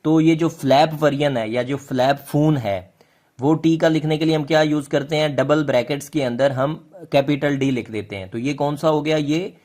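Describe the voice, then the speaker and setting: A man with a Pakistani Urdu accent explaining linguistics in a lesson, often asking rhetorical questions and pausing on fillers. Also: on the high side, a little mellow. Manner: rhetorical questions, many hesitations. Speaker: linguistics teacher.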